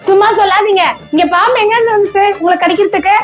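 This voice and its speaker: A woman's voice: very high-pitched, fast talker, faint music behind. A woman doing a fretful fussing wife. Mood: alarmed. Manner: fretful, exclaiming. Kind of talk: comedy skit acting.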